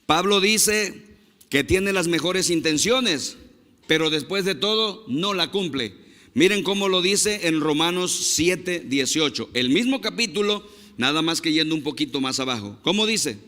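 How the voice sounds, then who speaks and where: A man's voice: a little high, animated, bright, forceful tone, big-room sound. A man preaching a sermon as pastor, emphatic and drawn out on key words, speaking to his congregation. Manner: emphatic, slow stresses on key words, addresses the congregation as brothers. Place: church.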